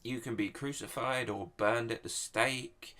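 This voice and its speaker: A man's voice: medium pitch, steady tone, unhurried, pushed and bright. A man from England, delivering a crude, swearing comedy rant in a mock-serious tone. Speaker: YouTube comedian answering online questions.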